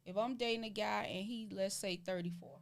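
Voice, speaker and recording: A woman in her forties co-hosting a talk show in casual chat, quick to agree and affirm the others. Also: mid-range voice, steady tone, vocal fry. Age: 40s.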